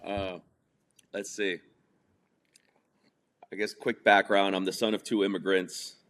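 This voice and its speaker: This man's deep voice comes out flat, slow and a bit bright. A podcast guest from New Jersey who grew up speaking Spanish, he talks through his life story in a casual interview, chatty and filler-heavy, laughing at his own humor.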